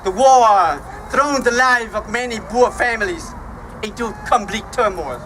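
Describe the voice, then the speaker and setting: At an outdoor ceremony, a guest speaker from Vietnam in his fifties gives a formal address in a high-pitched voice marked by a Vietnamese accent. His delivery is slow and halting, punctuated by emphatic pauses, over background noise.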